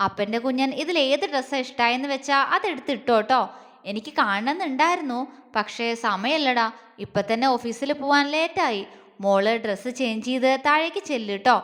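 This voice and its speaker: A woman voicing a doting older man who speaks softly and coaxingly to his young wife, with a long reverb on the voice. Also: high-pitched, expressive, fairly quick. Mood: tender. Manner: soft, coaxing, affectionate.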